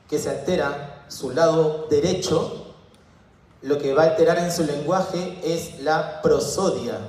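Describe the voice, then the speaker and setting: A man's voice: on the high side, a little mellow, far from the mic. Lecturing man in a very echoey room. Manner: asks students questions and answers them himself. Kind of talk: university lecture. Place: classroom.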